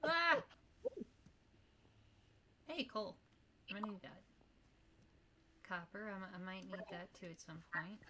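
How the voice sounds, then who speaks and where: A woman's voice: medium pitch, fairly even intonation, normal speed, long pauses, fairly bright tone, a little hiss or hum. A woman streaming a game, chatting and muttering to herself as she plays. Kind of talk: casual chat while gaming.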